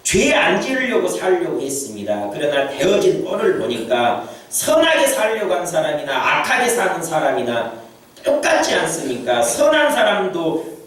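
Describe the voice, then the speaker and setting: A man acting out the suffering Job, an older man crying out to God in anguished pleas. The voice is high and swings widely in pitch. It sounds from far off in a very echoey hall. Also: huge pitch swings, moderate pace, a bit bright. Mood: complaining. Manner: anguished pleading, rising to high emphatic cries.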